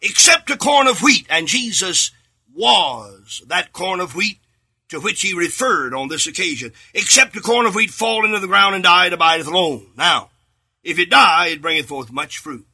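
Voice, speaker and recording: Husky bright-voiced preacher guy, swings way up and down, shouts the big words. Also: high voice, expressive, normal speed. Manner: fervent, building to shouts on key words; repeats phrases for emphasis. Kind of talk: sermon.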